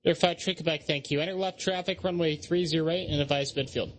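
A man's voice: sits high, steady tone, quick pace. A man working as an air traffic controller, giving procedural radio instructions.

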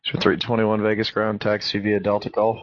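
Giving standard clipped instructions as an air traffic controller, a man speaks a little fast in a lowish monotone. His words arrive through a muffled, band-limited aviation radio.

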